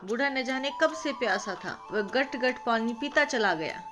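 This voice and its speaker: A woman narrating a moral story in a steady, calm storytelling voice. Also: on the high side, moderate pace. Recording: background music.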